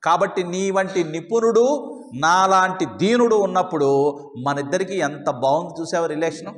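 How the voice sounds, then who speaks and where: A man with a high-pitched voice gives a devotional discourse. He teaches through stories and rhetorical questions. A long reverb from a hall trails his words. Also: moderate pace. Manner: storytelling with acted dialogue and rhetorical questions. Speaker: spiritual teacher.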